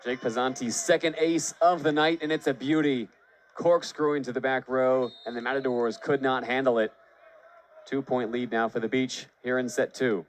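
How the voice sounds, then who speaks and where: A man handles radio play-by-play for live baseball and volleyball games, speaking fluently and descriptively and lifting his voice when big plays come. He has a medium-pitched, steady voice at normal speed.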